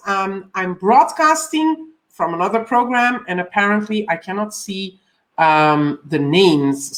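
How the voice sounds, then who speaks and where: A woman from Belgium in her forties, a coach hosting a live stream, welcoming viewers over and over with frequent ums. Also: mid-range voice. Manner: warm repeated welcomes, frequent ums, reads viewer comments.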